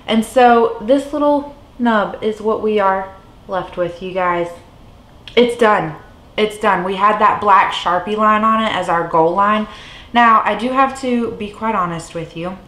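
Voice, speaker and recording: A woman's voice: medium pitch, a bit bright. A woman vlogging in casual chat, rambling and full of fillers. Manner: rambling, chatty, filler-heavy. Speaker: beauty vlogger. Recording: echoey room.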